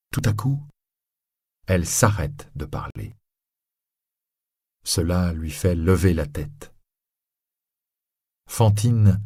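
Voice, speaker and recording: A man narrating a story for listeners in a slow, expressive way. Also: sits low, breathy edge, dry recording, studio quality.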